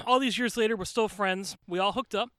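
An American wrestler and manager, guesting on a podcast from a shaded backyard outdoors, tells casual anecdotes, joking and repeating words for emphasis. His high-pitched voice is pushed and bright at a moderate pace, with no echo.

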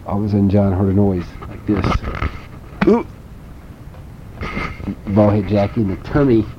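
Low-voiced man telling a playful story. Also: little pitch movement, fast. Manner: playful, with sound effects and questions to the listener. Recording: dull lo-fi home recording with faint rumble.

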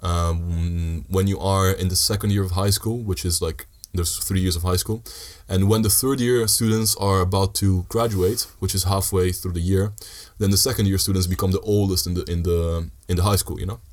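Casting: young man, very low voice, flat intonation, casual podcast guest with halting, measured phrasing. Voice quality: deep voice. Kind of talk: casual chat.

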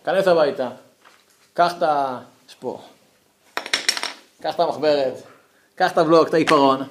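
A man giving a lively Torah lesson to a class, acting out angry letters with sudden high outbursts. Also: background noise. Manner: animated, acts out angry letters, jumps high in pitch. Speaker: Torah teacher. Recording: echoey room.

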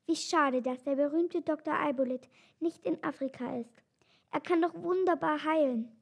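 A woman reading aloud and voicing an upset lioness mother who scolds her mate in an excited, high voice. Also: normal speed, gravelly. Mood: worried.

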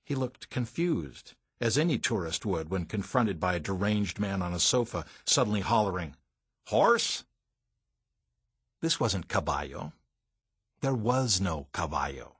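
A man's voice: low voice, expressive, moderate pace, a bit bright, husky, no echo. A man reading a first-person audiobook, telling the story in a dramatic, vivid way. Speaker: audiobook narrator.

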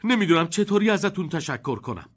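Storybook little boy, high excited voice, a male reader putting it on. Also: breathy edge. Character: poor young boy, eager and wide-eyed.

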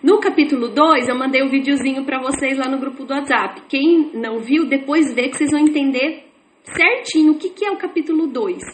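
A woman's voice: sits high, a little fast. A woman teaching an informal online class, explaining with repetitive, chatty everyday examples. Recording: echoey room with faint noise.

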